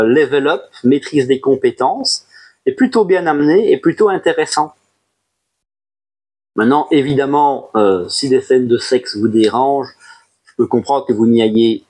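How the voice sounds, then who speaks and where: A man in a relaxed video review of his manga buys, talking at a middling pitch. He rambles in a friendly way, jumps up in pitch whenever he moves on to the next title, and drops in teasing little jokes along the way. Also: husky. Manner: chatty and animated, jumps up in pitch on new titles, playful asides. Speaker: manga collection YouTuber. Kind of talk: casual monthly haul review.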